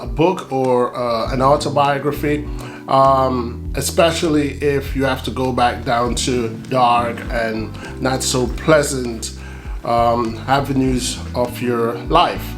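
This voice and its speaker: A middle-aged man from Jamaica, an author, talking casually and reflectively with frequent pauses and ums. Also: mid-range voice. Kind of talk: casual talk to camera. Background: soft guitar music.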